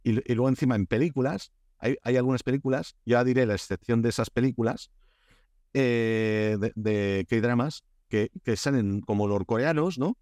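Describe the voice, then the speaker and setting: In a clean studio recording free of room sound, a man from Spain speaks at medium pitch and a normal pace. His Spanish accent comes through as he, a Korea expert guest on a casual podcast, tells animated stories with frequent fillers and restarts.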